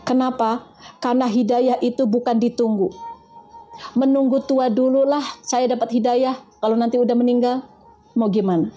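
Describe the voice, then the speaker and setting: Lively female preacher, casual tone. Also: moderate pace, long pauses, lo-fi sound, faint music behind. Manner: lively, animated, rising and falling in pitch, addresses audience as friends; mixes casual speech with Arabic prayers. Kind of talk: religious talk to a live audience.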